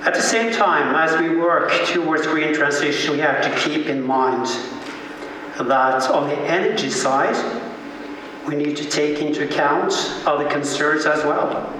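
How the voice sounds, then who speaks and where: A man speaks slowly in a somewhat raised voice, weighing each phrase. He stands far from the mic in a large hall. A heavy echo hangs over his words, with clear room noise behind. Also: fairly high pitch. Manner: slow and measured, deliberate phrasing. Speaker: conference speaker. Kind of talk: conference speech.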